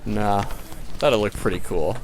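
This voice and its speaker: A man's voice: fairly low pitch, moderate pace, noisy background. A man co-hosting a podcast, chatting casually with dry, joking asides while walking around a zoo. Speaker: podcast co-host. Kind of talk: casual chat. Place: outdoors at a crowded zoo. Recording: crowd chatter behind.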